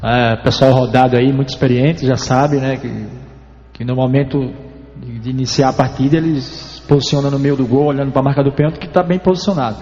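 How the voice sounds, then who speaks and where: Man, Alagoas accent, goalkeeping coach, calm, measured, mellow voice, dull sound, soft music. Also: medium pitch, big-room sound. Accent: Alagoas Brazilian. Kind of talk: interview answers.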